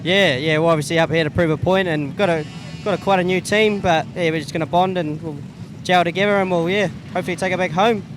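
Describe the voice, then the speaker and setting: A man's voice: high-pitched, steady tone, fast, music in the background. A man with a New Zealand accent, a stockcar driver talking casually and laid-back in an interview.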